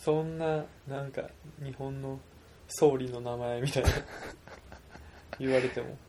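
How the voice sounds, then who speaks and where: A man co-hosting a casual podcast chat, quick with joking retorts and laughing often. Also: mid-range voice, fairly even intonation, noisy background. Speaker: podcast co-host.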